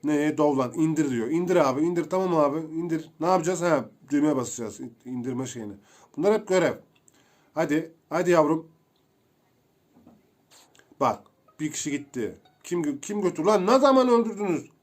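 A young man giving casual, excitable commentary while playing a video game, chatting to his viewers as he goes. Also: fairly high pitch, moderate pace. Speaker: gameplay streamer.

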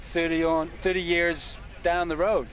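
Man, 30s, from the Netherlands, high voice, halting questions, outdoor interview, handheld mic. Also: little pitch movement, a bit bright. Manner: hesitant, restarts questions. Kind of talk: documentary street interview. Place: outdoors at a public event.

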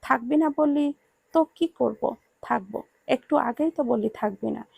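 A woman reading the lines of a shy, soft-spoken young wife in a storybook reading. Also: a little high, unhurried, creaky, slightly rough, dry recording, exaggerated voice. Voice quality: murmuring, timid.

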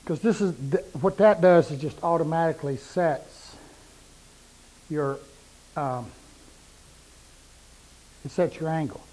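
A man's voice: on the high side, takes it slowly, long pauses, darkish tone, poor audio. A middle-aged man demonstrating cuts in his woodworking shop, plain-spoken and repeating points for emphasis while he works, on a lapel mic. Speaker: woodworking instructor. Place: woodworking shop with power saws.

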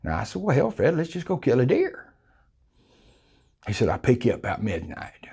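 An older man with a South Texas accent tells a hunting story in a folksy, colorful way, acting out the voices he quotes. His medium-pitched voice swoops wildly and sounds creaky, mellow, and husky at a moderate pace. It's casual storytelling, captured on a lapel mic in a small room.

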